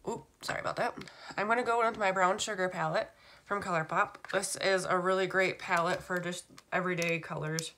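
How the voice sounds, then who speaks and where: A woman's voice: fairly low pitch, fairly even intonation, fairly quick, bright, forceful tone, a little hiss or hum. A woman in her thirties with a stuffy nose from a cold, chatting casually through a makeup tutorial. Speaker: beauty vlogger. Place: small room at home.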